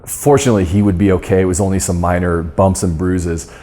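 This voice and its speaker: A man's voice: deep voice, little pitch movement, fairly quick, mellow. A man giving a storytelling talk on marketing, earnest and often restarting his sentences. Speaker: guest speaker on dental marketing. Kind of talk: storytelling talk to course members.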